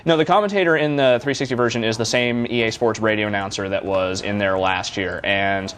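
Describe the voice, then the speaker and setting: A man's voice: lowish voice, fairly quick, fairly bright tone, a little hiss or hum. A man reviewing a video game in a casual live broadcast, rambling with lots of restarts and repeated words.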